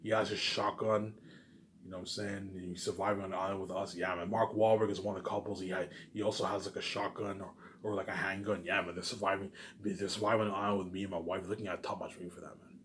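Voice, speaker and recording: Low-voiced and fast, this male vlogger keeps a level tone with a fairly bright quality. He brags and swears in a loose, emphatic monologue, repeating points and posing questions he then answers, over a slight hiss or hum.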